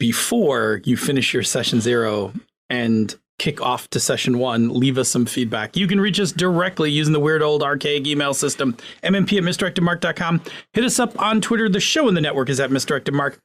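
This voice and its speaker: Male podcast co-host, slightly high voice, easygoing and jokey, reading plugs. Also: a little fast, fairly bright tone. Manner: easygoing, joking. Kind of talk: casual chat and show plugs.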